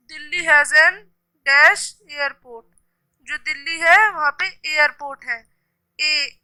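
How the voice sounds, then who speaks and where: A woman's voice: high-pitched, bright, forceful tone, no room sound, low-quality recording. A woman teacher with an Indian accent explaining a grammar worksheet step by step and reading example sentences aloud. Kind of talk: classroom grammar lesson.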